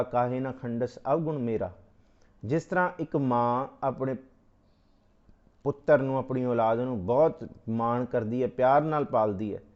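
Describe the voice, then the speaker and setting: A man giving a Sikh scripture exposition, reciting verses slowly and then explaining them phrase by phrase, asking and answering his own questions like a teacher. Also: mid-range voice, darkish tone, dull audio.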